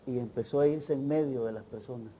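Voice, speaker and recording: A man's voice: medium pitch, fairly quick, dark tone, a little hiss or hum. A man preaching an evangelical sermon at a church service. He speaks emphatically, poses rhetorical questions and keeps telling the congregation to listen well.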